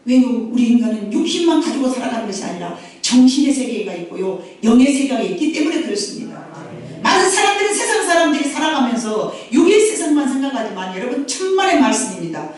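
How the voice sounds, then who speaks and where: A middle-aged woman preaches with a high, animated voice that swoops up and down. She drives her points home by repeating them and calling for amens. She sounds far from the mic, her words ringing through a very echoey church hall. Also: fast talker. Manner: emphatic, repetitive preaching with calls for amen. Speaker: pastor. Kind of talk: sermon. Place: church sanctuary.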